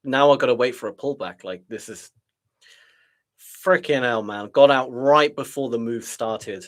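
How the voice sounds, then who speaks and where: A man's voice: mid-range voice, unhurried. A man giving live trading commentary to his viewers in a frustrated, self-deprecating way, sighing as he muses. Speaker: day trader streaming live.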